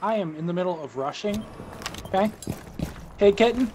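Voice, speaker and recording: A man streaming a shooter game, excitable and swearing constantly in casual chat with friends. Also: sits high, moderate pace, noisy background.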